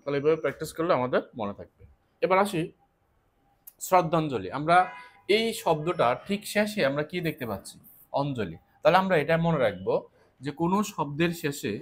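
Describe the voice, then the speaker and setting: A male teacher with a slightly high voice leads a spelling lesson for exam students. He poses a question, then supplies the answer himself, and draws out each key word slowly. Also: a little hiss or hum. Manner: repeats key words slowly.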